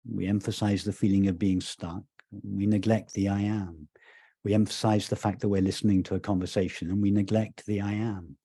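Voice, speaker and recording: Mellow-voiced man in slow spiritual talk. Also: lowish voice, slightly rough, no echo, clean studio sound. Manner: slow, repeats words, gentle emphasis. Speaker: spiritual teacher. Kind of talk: calm roundtable discussion.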